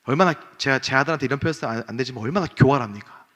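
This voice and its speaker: Male pastor, thirties, storytelling sermon with acted-out dialogue; mid-pitched voice, long hall reverb. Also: very fast. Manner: storytelling, acting out family scenes with varied pitch and loudness. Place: church sanctuary.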